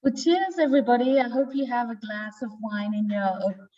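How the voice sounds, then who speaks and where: A woman in her forties from the north of England, a wine exporter, is a guest presenter at an informal virtual tasting, telling her story casually over a video call. Her Northern English voice is mellow, on the high side, at a normal speed. Indoors in an office tasting room and away from the mic, she comes through with distant, dull, lo-fi video-call sound.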